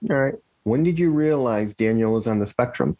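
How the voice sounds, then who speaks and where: A man's voice: mid-range voice, lively intonation, fairly quick, warm tone. A man hosting a podcast interview, opening with scripted welcomes and brief questions. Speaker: podcast host.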